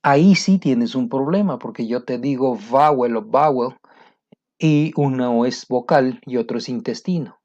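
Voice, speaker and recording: A man's voice: medium pitch, normal speed, few pauses, dark tone. A man gives a casual spoken lesson as an English teacher, hesitating often with fillers and restarts. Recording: dull lo-fi sound.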